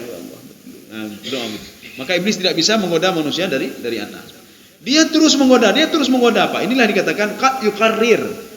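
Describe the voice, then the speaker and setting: A man's voice: high voice, a bit bright. A man with an Acehnese accent giving a conversational sermon in a mosque. He keeps addressing his listeners directly and repeats phrases for emphasis. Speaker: Islamic preacher. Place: mosque hall. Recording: echoey mosque hall with long reverb.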